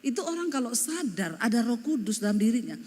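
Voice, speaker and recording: A middle-aged woman pastor from Sulawesi with a Sulawesi accent, preaching a lively, humorous sermon that slips into Javanese phrases. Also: on the high side, a little fast, slightly rough, long reverb tail. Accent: Sulawesi Indonesian.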